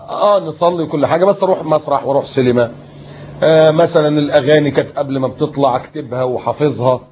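As a guest in an interview, a fifty-something Egyptian-accented preacher recounts his story and acts out the words of people he remembers, telling it with lively energy. His voice is medium in pitch, and the muffled recording has slight background noise.

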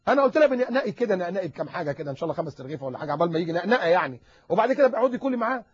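Egyptian guy preaching super fast, highish husky voice, dull lo-fi sound. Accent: Egyptian Arabic. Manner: animated, acts out dialogues, rapid repetitions. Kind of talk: religious advice lecture. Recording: dull lo-fi recording.

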